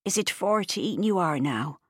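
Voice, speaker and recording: A woman's voice: fairly low pitch, animated, a little slow, husky, no echo, studio quality. A woman reading an audiobook, voicing a kindly, chatty old traveller woman, homely and motherly.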